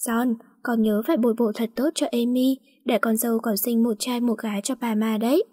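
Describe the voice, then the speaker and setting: A woman voicing a caring older mother-in-law who gently admonishes, in a read-aloud story, with a husky voice. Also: a little high, little pitch movement, brisk.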